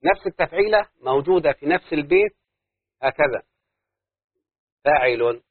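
Egyptian guy teaching a class, kinda high husky voice, keeps asking the kids if they get it. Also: fast, no echo. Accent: Egyptian Arabic. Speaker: teacher of Arabic prosody. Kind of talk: classroom lesson. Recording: dry, narrow phone-like lo-fi sound.

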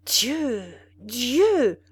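Vain fop officer, chattering and boastful, storybook reading, woman narrator voicing him, slow and dry. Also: a little high, very animated, breathy edge, no room sound, pitched above the performer's own voice, full character voice. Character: vain foppish young male officer.

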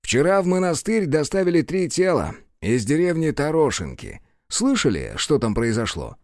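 A brash, sardonic hunter of the undead who speaks bluntly and mockingly, as a man reads him in an audiobook. His pitch swings widely. The recording is dry and close. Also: sing-song, normal speed, a little mellow, no room sound. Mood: urgent.

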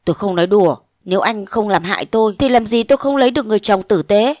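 A woman voicing an eighteen-year-old girl who pleads and reproaches her lover, rising to shrill protest. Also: fast, a little mellow, no room sound, clean studio sound, natural voice. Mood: reproachful. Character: young woman of eighteen, tearful and indignant.

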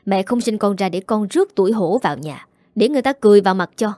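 A woman voicing a proud, domineering older mother who scolds in rapid, shrill tirades. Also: expressive, warm tone, no room sound, natural voice. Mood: furious scolding.

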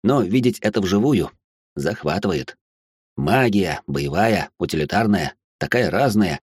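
A man's voice: low voice, expressive, measured pace, darkish tone, slightly rough, dry recording, studio quality. A man narrating an audiobook in a wry, sardonic first-person voice. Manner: wry, sardonic inner monologue.

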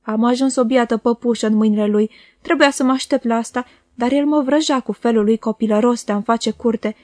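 A woman's voice: on the high side, darkish tone, dry recording, studio quality, natural voice. A woman reader voicing a proud, bitter, jealous young woman who speaks with scornful, impassioned force in an audiobook. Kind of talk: audiobook character voice.

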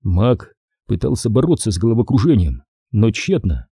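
A man narrating a crime audiobook in measured, expressive storytelling. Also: on the low side, breathy edge, no room sound, studio quality. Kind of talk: scripted narration.

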